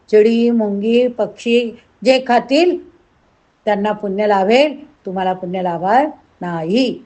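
A woman's voice: medium pitch, a little mellow. A woman retelling a devotional scripture story, adding preachy asides to her listeners.

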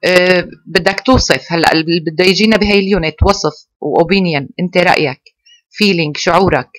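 A teacher giving an online English lesson to pupils, slowly spelling out English phrases. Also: mid-range voice, a bit bright, no echo.

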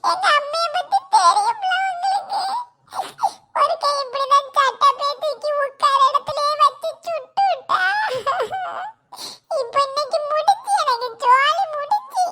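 Super high squeaky little village girl, kumari tamil accent, panicky and fast. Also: soft background music, heavily acted. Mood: worried. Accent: Kanyakumari Tamil. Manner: fast, excitable, half crying and giggling. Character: chatty little village girl, fearful of her mother.

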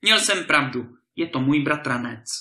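A man voicing a bold, cheerful young hero in a storybook reading, with a lively, eager delivery. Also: mid-range voice. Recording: roomy echo.

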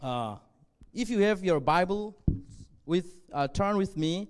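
A man in his forties from northwest Burma, a native Zomi speaker, preaching a sermon in an earnest, measured way with frequent pauses, speaking into a handheld mic on a church stage. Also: high-pitched, lively intonation, slight background noise. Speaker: pastor. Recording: long hall reverb.

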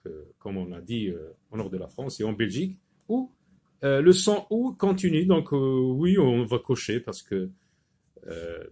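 A man teaching French phonics, repeating each word slowly with many hesitations. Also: fairly low pitch. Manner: slow, repeats words, many filler hesitations. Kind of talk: slow phonics lesson.

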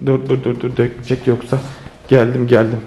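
A man filming a playful family vlog, teasing the kids and chatting to viewers in an animated way. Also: mid-range voice, moderate pace, background noise. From Turkey. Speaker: family vlogger.

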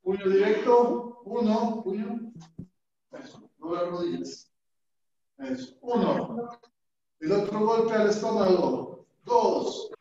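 A man with a strikingly high voice leads a martial arts class, counting reps and barking short commands. He speaks slowly and deliberately. The sound is dull and far from the mic, with a heavy room echo. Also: dark tone, slight background noise. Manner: counts drills aloud and calls out brisk commands. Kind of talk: teaching a live online class.

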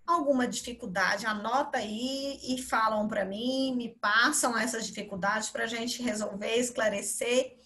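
A woman's voice: fairly high pitch, unhurried, pushed and bright. A Brazilian woman teaching a video lesson to young children, explaining each step and checking in with the class as she goes. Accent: Brazilian Portuguese. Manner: encouraging, explains step by step with many "certo?" and "ó".

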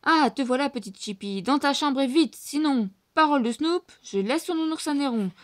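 A woman's voice: high-pitched, lively intonation, normal speed, no echo, pitched above the performer's own voice. A woman voicing a fat, blustering henchman who stammers when scared, in a storybook reading.

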